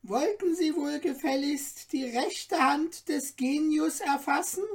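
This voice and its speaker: Cicerone, a woman doing a squeaky tiny dwarf. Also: slow pace. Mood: courteous, eager. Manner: ornate, polite, squeaky and eager. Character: tiny fussy old dwarf guide, courteous and excitable. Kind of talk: storybook reading.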